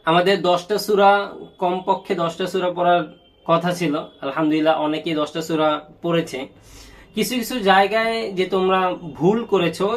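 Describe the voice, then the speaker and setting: A man teaching Quran recitation rules in an online lesson, asking and answering his own questions and chanting sample words slowly. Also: high voice.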